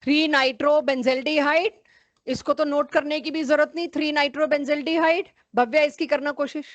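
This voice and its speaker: A woman with a high voice teaches a chemistry class online, quizzing students by name and correcting them firmly. The sound is close and dry, with no room around it. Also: fairly even intonation, measured pace, dry recording, lo-fi sound.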